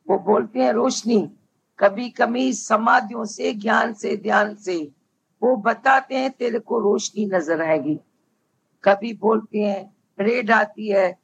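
A woman spiritual teacher giving a devotional discourse, speaking slowly and deliberately and repeating her key phrases. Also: medium pitch, vocal fry. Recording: dull lo-fi with faint background hum.

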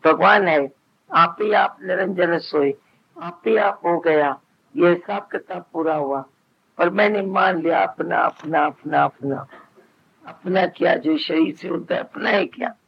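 A man with a high, gravelly voice delivers a spiritual talk to listeners, speaking plainly and slipping into quoted exchanges between parents and children. The recording sounds dull and lo-fi, with a faint hiss underneath. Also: a little slow. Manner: conversational preaching, quoting others in dialogue. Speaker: spiritual teacher. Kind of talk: satsang discourse.

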